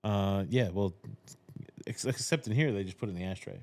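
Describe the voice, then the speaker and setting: A man's voice: lowish voice, a little fast, a little mellow, no echo. A man co-hosting a casual podcast from a cigar lounge, needling the others with dry jokes. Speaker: podcast co-host. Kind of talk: casual banter.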